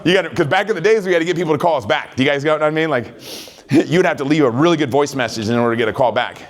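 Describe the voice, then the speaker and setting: Fast-talking, energetic middle-aged man. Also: on the high side. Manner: energetic, chatty storyteller who keeps checking in with the audience. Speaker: network marketing trainer. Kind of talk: motivational sales training talk.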